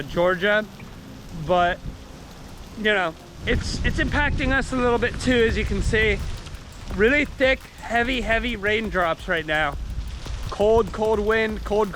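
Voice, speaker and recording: A man vlogging casually outdoors in wind and rain, raising his voice over the weather as he gives storm updates. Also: high-pitched. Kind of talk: casual vlog talk to camera.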